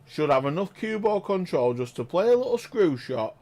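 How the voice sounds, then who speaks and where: An excitable man, doing chatty live commentary on a pool match and exclaiming loudly at big shots. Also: high-pitched, moderate pace. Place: pool lounge.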